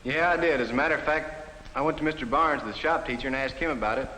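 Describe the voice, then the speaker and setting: An actor playing an earnest, polite teenage schoolboy in scripted 1950s educational film dialogue. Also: male voice, medium pitch, fast, bright, forceful tone, close to an everyday voice. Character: eager, polite teenage schoolboy Joe in shop class. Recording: echoey, noisy 1950s film soundtrack.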